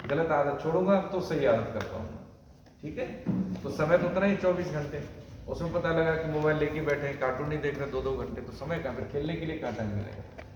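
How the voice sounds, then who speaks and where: A man's voice: on the high side, fairly quick, highs cut off. A man teaching a children's class in casual talk, chatty and often checking that they understand. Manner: chatty, asks frequent check-in questions. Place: temple hall. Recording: echoey hall, far from mic, noise.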